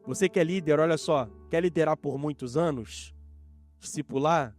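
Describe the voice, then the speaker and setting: A male pastor with a Brazilian Portuguese accent delivers a sermon in a church. His voice sits a little high for a man and swings widely, as he acts out the voices of the people he quotes. Soft music plays faintly underneath. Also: moderate pace. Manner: preaching with sweeping rises and falls, acting out quoted voices. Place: church in front of a congregation.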